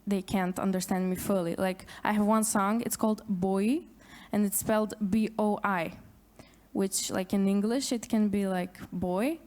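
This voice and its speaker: On a conference panel, a woman musician whose native language is Macedonian speaks English haltingly, restarting often. Her voice is mid-range and darkish, with fairly even intonation.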